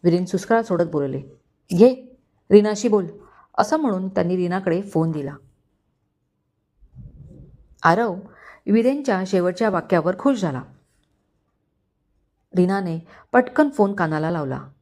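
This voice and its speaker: A woman's voice: fairly low pitch, moderate pace, long pauses. A woman storyteller reading a romantic family story aloud in scripted narration. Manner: even, expressive storytelling.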